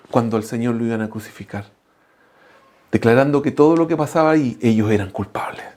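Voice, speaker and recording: A male preacher, delivering an impassioned sermon that swings from loud cries to hushed lines and calls the listeners brothers. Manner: impassioned, shifting between loud outbursts and low hushed lines; addresses the congregation as brothers.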